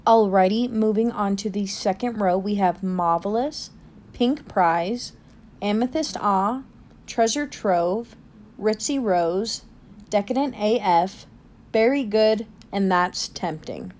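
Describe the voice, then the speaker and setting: Speaking slowly in a medium-pitched, slightly mellow voice, a beauty vlogger reviews makeup. She has a lisp that makes her s sounds slushy, and her chat is relaxed and self-deprecating.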